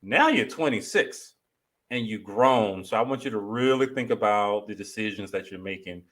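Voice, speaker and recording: A man's voice: lowish voice, lively intonation, normal speed, a bit bright. A man hosting a talk show as a therapist, giving direct, informal advice in a conversational way.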